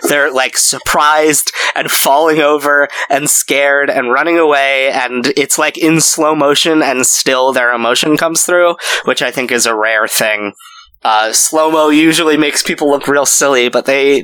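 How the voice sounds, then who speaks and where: Man, smooth clear voice, dry recording, casual chatty podcast host. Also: medium pitch, fairly even intonation, a little slow, bright, forceful tone, no room sound, low-quality recording.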